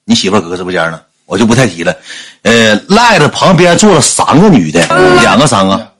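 Against some background noise, a man with a fairly low voice tells a funny anecdote on a livestream at a slightly quick pace. His Northeastern Chinese accent comes through as he animatedly plays the people in the story, in true storyteller fashion.

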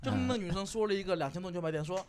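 A man's voice: high voice, expressive, rapid-fire, background noise. A young man chatting on a comedy talk show, telling stories animatedly and acting out quoted lines. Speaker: comedian panelist. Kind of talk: casual chat.

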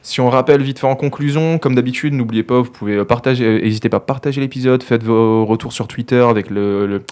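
A man co-hosts a relaxed tech podcast. He teases the others and guides the episode to its close in a light, joking way. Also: mid-range voice, fast. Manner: joking, teasing, wraps up the show. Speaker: podcast co-host. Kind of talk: casual podcast chat.

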